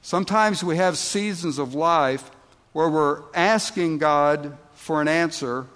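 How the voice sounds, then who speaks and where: A man preaching a sermon as pastor, slow and deliberate, rising to emphatic outbursts. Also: fairly high pitch, a bit bright. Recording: long reverb of a large hall.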